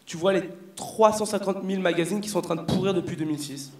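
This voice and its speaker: Young guy doing stand-up, slangy and cheeky, highish voice, echoey room. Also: fast talker, darkish tone. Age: young adult. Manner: brash, slangy, crowd-addressing. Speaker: stand-up comedian. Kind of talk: stand-up comedy routine. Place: stage before a live audience.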